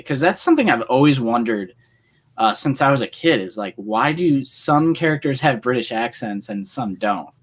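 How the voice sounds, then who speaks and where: A man co-hosting a casual livestream speaks with lively intonation at normal speed, his medium-pitched voice carrying a breathy edge. His enthusiastic fan talk comes out in long, rambling runs heavy with fillers.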